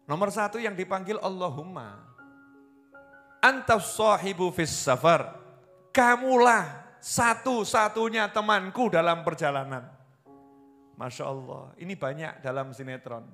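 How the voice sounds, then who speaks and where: A man preaching a humorous sermon to a live gathering, animated and rising to loud emphatic peaks. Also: high-pitched, normal speed, faint music behind. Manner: animated, rises to loud emphatic peaks, playful asides to audience.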